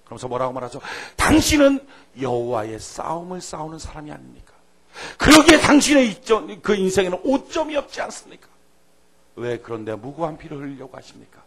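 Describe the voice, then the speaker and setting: A man preaching a sermon as a pastor, dramatic, swinging from loud outbursts to hushed asides and leading the congregation in call-and-response. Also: fairly high pitch, wildly swooping pitch, fairly quick.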